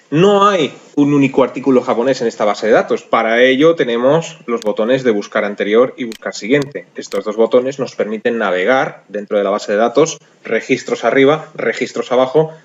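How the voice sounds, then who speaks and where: Methodical Spanish-accented man teaching software. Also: medium pitch, lo-fi sound. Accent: Spain Spanish. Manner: patient, methodical, stepwise with frequent fillers. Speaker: software instructor. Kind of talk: screencast tutorial explanation.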